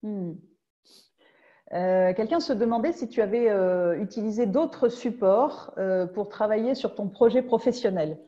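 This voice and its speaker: A woman's voice: mid-range voice, unhurried, mellow. A woman moderating a webinar, reading out the audience's questions to her guest over a video call. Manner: reads questions out, brief acknowledgements. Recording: dull lo-fi call audio.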